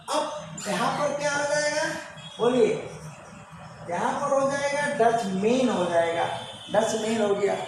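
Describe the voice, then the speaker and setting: A man teaching a grammar lesson, asking short questions and answering them himself, repeating each answer. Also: extremely high pitch. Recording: echoey room, distant mic, background noise.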